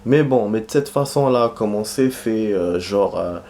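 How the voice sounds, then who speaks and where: A man chats his way through a video game in a low, relaxed voice. He rambles, trips over his words and circles back, full of small hesitations. The tone is warm and unhurried, like a regular talking to his viewers. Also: a little hiss or hum. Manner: rambling, hesitant, lots of fillers and restarts. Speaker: gaming commentator. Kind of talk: casual let's-play commentary.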